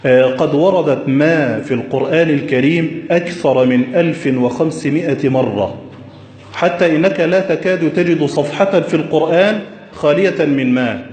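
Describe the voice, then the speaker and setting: A man teaching Arabic grammar at a whiteboard, slow and deliberate, quizzing his listeners with questions. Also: on the high side, a little mellow. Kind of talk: classroom lesson at a whiteboard. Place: classroom with a whiteboard. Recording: echoey, reverberant room.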